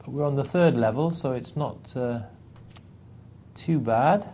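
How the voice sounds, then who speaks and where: A man's voice: mid-range voice, slow pace, warm tone, husky. A man co-commentating live poker, earnest and agreeable as the sidekick in the banter.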